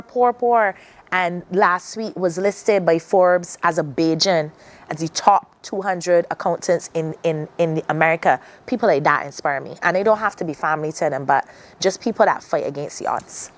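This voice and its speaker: A Barbadian woman with a lowish voice and a Barbadian accent speaks at a moderate pace as a guest on a morning TV interview. She comes across as earnest and reflective, frequently starting her sentences over.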